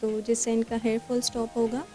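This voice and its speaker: A Pakistani-accented woman doctor talks through skin treatments in an interview, pausing on fillers and slipping in English medical words. Her voice sits a little high, mellow and warm in tone, held to a narrow, even melody. Faint music plays under her. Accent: Pakistani Urdu. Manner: explanatory, with many fillers and English terms. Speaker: clinic doctor. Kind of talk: interview answers. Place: skin clinic.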